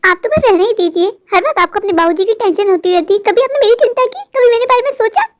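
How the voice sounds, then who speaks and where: A woman acts out a proud, quick-tempered young wife in a cartoon story. She speaks in a very high, quick voice, shrill and full of resentment. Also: expressive. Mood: resentful.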